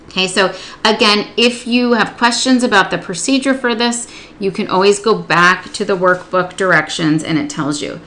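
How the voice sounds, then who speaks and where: Bright-voiced woman explaining a lesson. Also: mid-range voice. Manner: patient, step-by-step, models sounds slowly. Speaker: literacy instructor. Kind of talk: instructional explanation.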